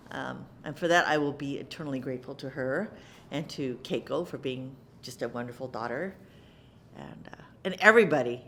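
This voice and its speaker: Animated middle-aged actress, lively voice. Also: female voice, medium pitch. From United States. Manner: animated, repeats words for emphasis, acts out quoted lines. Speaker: actress interviewee. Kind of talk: reflective interview talk. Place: theater.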